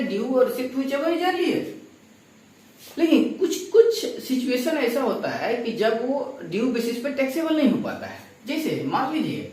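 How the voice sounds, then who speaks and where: A man's voice: very high-pitched, darkish tone. A man teaching a class, explaining step by step and putting questions to his students. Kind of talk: classroom lecture. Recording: echoey room from far off.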